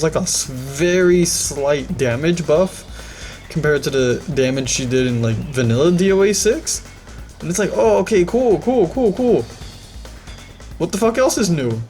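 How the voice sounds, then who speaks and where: A young man ranting casually to camera about a game, excitable and profane, acting out his own past reactions with quick jumps in voice. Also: fairly high pitch. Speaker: gaming YouTuber.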